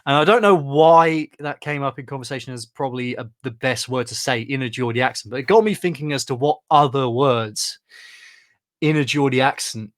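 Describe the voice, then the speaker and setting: A man's voice: mid-range voice, fairly quick, dry recording. A man from England co-hosting a podcast in casual chat, chatty and self-deprecating, laughing often. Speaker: podcast co-host.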